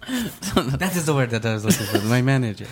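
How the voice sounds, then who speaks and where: Man as a nervous maid in careful halting English. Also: mid-range voice, big pitch swings, close to an everyday voice. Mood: nervous, pleading. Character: nervous, evasive foreign house maid, woman, pleading. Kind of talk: improvised comedy sketch. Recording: noticeable background noise.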